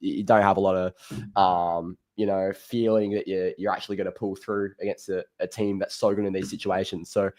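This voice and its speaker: A man's voice: deep voice, little pitch movement, fairly quick, darkish tone. An Australian man hosting a fan call-in show, chatting casually about footy in a laconic, blokey way.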